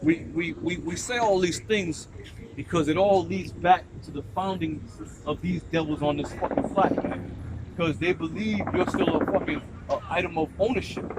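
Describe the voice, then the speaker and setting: A man's voice: a little high, normal speed. A man in his forties preaching on the street in a blunt, profane, emphatic way. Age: 40s. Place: outdoors by a busy street. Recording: outdoor traffic noise.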